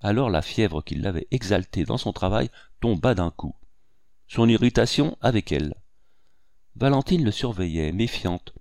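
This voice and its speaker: A man giving a measured, even literary audiobook narration. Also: lowish voice, vocal fry, dry recording, studio quality.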